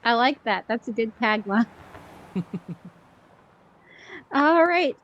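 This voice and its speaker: A woman hosts a relaxed interview, her voice a little higher than usual. She asks questions in a friendly, upbeat manner and thanks her guest warmly. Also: slow pace, lo-fi sound, a little hiss or hum. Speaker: host. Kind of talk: casual interview.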